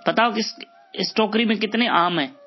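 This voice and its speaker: A man voicing a boastful, educated young son in a told story, with a husky voice and a dull lo-fi recording with faint music behind. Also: high-pitched, normal speed.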